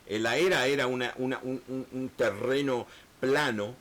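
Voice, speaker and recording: A man teaching a Bible lesson in an earnest, halting way, often restarting words and acting out the people in the text. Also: mid-range voice, fairly even intonation, a bit bright. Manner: earnest, repetitive, many hesitations and restarts; acts out biblical speakers in shifting voices.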